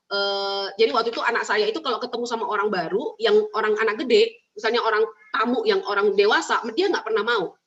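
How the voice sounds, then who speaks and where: A woman giving parenting advice in an emphatic, animated way, repeating her key points. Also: medium pitch. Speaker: parenting speaker. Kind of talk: advice talk answering questions. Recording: muffled lo-fi recording.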